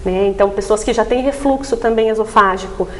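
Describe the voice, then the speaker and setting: Brisk and mid-range in pitch, a female voice therapist guests on a TV interview as a specialist. Her explanations are instructive, punctuated frequently by short tag questions asking for agreement.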